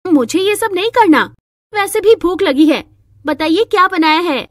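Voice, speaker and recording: A woman's voice: very high voice, expressive, normal speed, no echo, studio quality, voice pushed up. Woman voicing a spoiled, stubborn young bride. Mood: petulant. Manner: whiny and demanding.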